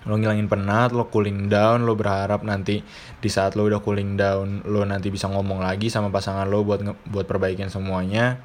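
A man's voice: fairly low pitch, flat delivery, brisk, a little hiss or hum. A young man with Jakarta slang, hosting his own podcast as a casual, chatty monologue, blunt and freely swearing. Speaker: podcast host.

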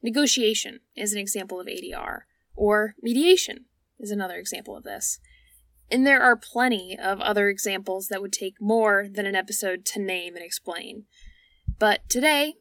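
A woman's voice: mid-range voice, a bit bright, no room sound. A young woman narrates an explanatory podcast in a conversational, informal tone. The sound is very dry, as if in a small closet, and a little away from the mic. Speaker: podcast host. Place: small clothes closet at home, indoors. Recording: close, dry home closet recording, slightly distant.

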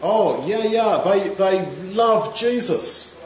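A man's voice: sits high, animated, takes it slowly. A man preaching a sermon in a conversational way, acting out the voices of crowds. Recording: echoey room, dull sound, faint noise.

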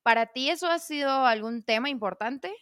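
A woman from Venezuela with a Venezuelan accent, a voice-over artist hosting a casual interview, lively and quick to laugh. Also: sits high, no room sound, studio quality. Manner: lively storyteller, laughs easily. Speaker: podcast host, voice-over artist.

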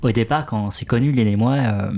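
A man's voice: medium pitch, fairly quick, gravelly, darkish tone. A man who grew up in France, talking in an interview, hesitant with many fillers. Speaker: interview guest, café co-founder. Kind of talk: casual interview talk.

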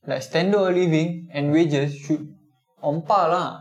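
A man's voice: a little high, measured pace. A Singaporean man in a casual chat, speaking colloquial Singlish with lah and meh, explaining his opinions through rhetorical questions.

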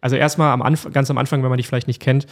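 A man's voice: mid-range voice, little pitch movement, rapid-fire. A man hosting a podcast, who praises his guest with enthusiasm and speaks directly to his listeners. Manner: enthusiastic, effusive, talks to listeners. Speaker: podcast host. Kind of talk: casual podcast interview.

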